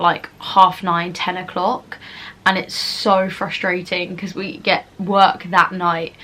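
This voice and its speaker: A woman's voice: on the low side, bright, forceful tone. A young adult woman with a southern English accent chats casually in a rambling, informal mukbang vlog. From England, Kent. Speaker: vlogger answering viewer questions.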